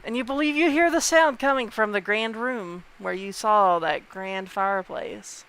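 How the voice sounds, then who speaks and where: A man running a tabletop game as dungeon master, narrating slowly and drawing out his lines over a voice call. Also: high voice, fairly bright tone. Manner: slow, drawn-out narration.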